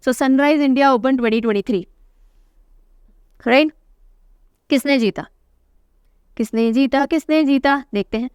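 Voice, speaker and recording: A woman's voice: sits high, unhurried, pauses often, a little mellow, smooth, no room sound, clean studio sound. A young woman teaching an exam-prep lesson, chatty and teasing, repeating key names to drill them in. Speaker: current affairs teacher.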